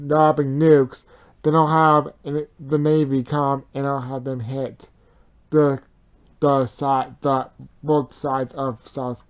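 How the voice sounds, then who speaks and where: A man's voice: a little high, smooth, lo-fi sound. Rambling man voicing plush toys at home. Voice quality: rambling, swearing, hesitant restarts. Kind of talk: improvised toy-puppet drama. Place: bedroom full of plush toys.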